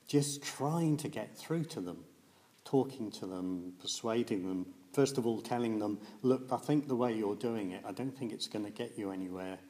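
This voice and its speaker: A man's voice: lowish voice, darkish tone. A man giving a reflective Buddhist dharma talk, hesitant and thoughtful, with many fillers. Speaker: Buddhist teacher.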